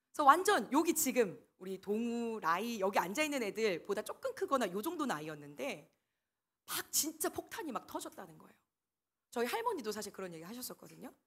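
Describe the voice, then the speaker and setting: A young woman delivers an emotional sermon with a lively, wide-ranging voice. Her tone is somewhat husky and sits a little high. She slips into the voices of the people in her stories as she acts out their prayers. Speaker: ministry staff preacher.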